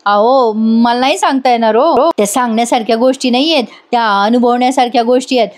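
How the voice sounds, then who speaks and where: A woman's voice: on the high side, fast talker, natural voice. A woman voicing a playful, lovestruck young husband who teases and coaxes. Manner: teasing, coaxing.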